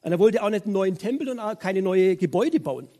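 A man preaching a conversational sermon in an animated, informal way, with many filler words. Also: high voice, fast talker.

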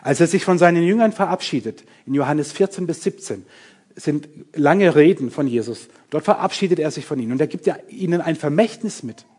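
Middle-aged guy preaching, husky mellow voice, punchy and animated, jokes at himself. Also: on the high side, fairly quick. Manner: lively, emphatic, self-mocking, addresses the congregation directly. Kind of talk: sermon.

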